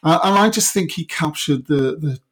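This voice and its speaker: A middle-aged man with a Welsh Valleys accent, talking reflectively and a little haltingly as an interview guest. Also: on the high side, husky. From South Wales Valleys.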